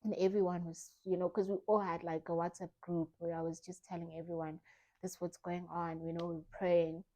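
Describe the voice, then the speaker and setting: A woman softly telling a personal story of grief in a vlog, acting out her own past thoughts. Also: fairly low pitch, little pitch movement, a little fast. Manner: soft, reflective, grieving, re-enacting her own thoughts. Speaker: vlogger.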